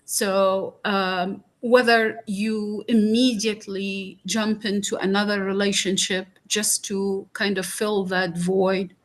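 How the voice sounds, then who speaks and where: A woman from Iraq appears as a guest on a talk podcast, speaking slowly and earnestly with frequent pauses and fillers. Her voice is medium-pitched and her delivery flat.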